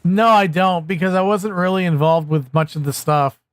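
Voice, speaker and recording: Higher-voiced man chatting on stream. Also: moderate pace, clean tone, dry recording. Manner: rambling, self-mocking and sarcastic. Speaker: livestreamer. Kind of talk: casual live-stream chat.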